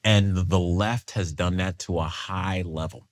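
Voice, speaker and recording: A man speaking as a guest in a casual panel discussion, animated and full of fillers. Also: deep voice, measured pace. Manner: animated, acts out quoted voices, many fillers.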